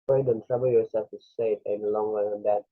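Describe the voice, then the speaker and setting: A man's voice: lowish voice, flat delivery, quick pace, no room sound, natural voice. Man reading as a polite, curious young girl. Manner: polite, questioning. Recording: dry, tinny phone-like recording.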